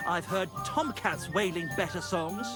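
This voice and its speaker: A man's voice: high voice, measured pace, music in the background. An actor playing a pompous, lovesick male troubadour poet in a video game, theatrical and scornful of anyone he thinks a boor. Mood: haughty. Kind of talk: video game cutscene acting.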